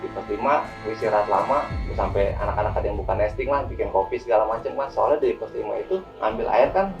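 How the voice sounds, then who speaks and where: A man's voice: on the low side, fast talker, muffled recording. A young man casually telling a hiking story as a guest, rambling and repeating words, often calling the listener "Bang". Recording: distant mic with music behind.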